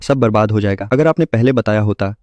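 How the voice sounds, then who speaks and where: A man's voice: on the low side, fast, a little mellow, close to an everyday voice. A male dub actor playing a greedy relative who eagerly agrees with everyone and fawns over them. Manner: eager and fawning. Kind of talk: Hindi dub acting.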